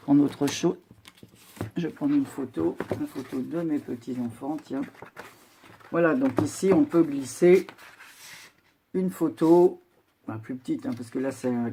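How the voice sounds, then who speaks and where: An older woman chatting casually as she shows a handmade craft project, unhurried with many filler pauses. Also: rumbling low, dark tone, a little hiss or hum. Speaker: crafting vlogger. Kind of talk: casual show-and-tell craft video.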